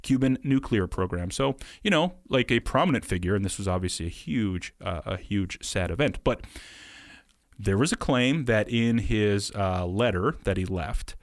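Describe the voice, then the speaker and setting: A man's voice: lowish voice, lively intonation, moderate pace, dry recording, clean studio sound. A man in his thirties co-hosting a casual podcast, presenting a theory in a wry, hedging way. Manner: wry, hedging, laughs at own claims.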